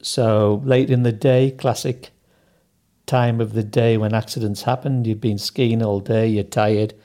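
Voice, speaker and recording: A middle-aged or older man with a soft Sunderland accent, recalling things hesitantly as an interview guest. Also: lowish voice, fairly even intonation, unhurried. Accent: softened Sunderland. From North East England, Sunderland area. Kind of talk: casual recollection in an interview.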